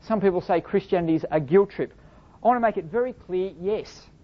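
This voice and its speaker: A woman's voice: medium pitch, fairly quick. A woman preaching a sermon in an earnest, explanatory way, asking rhetorical questions and reading scripture aloud. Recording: dull lo-fi recording.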